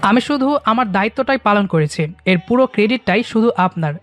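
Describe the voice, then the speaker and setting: An actor playing a seasoned hospital doctor who speaks in a measured, professional way, mixing in English phrases, in an audio drama. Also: medium pitch, expressive, faint music behind, lightly acted. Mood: reassuring.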